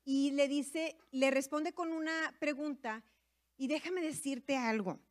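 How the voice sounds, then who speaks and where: A woman's voice: high-pitched, steady tone, slow pace. A woman giving a conversational sermon to women, sprinkling in tag questions and fillers as she talks. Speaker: women's ministry speaker.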